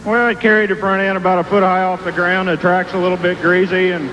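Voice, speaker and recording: A man's voice: sits high, flat delivery, fast talker, fairly bright tone. A man, a competing driver, giving a matter-of-fact, folksy trackside interview. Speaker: tractor puller. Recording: dull, reverberant arena with faint noise.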